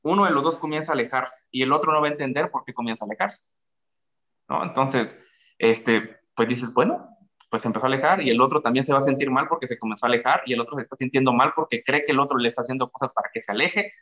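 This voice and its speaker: A man with a Mexican Spanish accent, a guest speaker explaining in casual talk, animated and acting out quoted speech. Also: fast. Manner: animated, acts out quoted speech with big pitch jumps. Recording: dull lo-fi sound.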